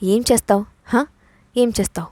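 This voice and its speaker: A woman's voice: fairly high pitch, steady tone, moderate pace, warm tone, dry recording, natural voice. A woman reading the part of a bold young woman boss in an audio story, with a mocking, commanding way of talking. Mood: taunting.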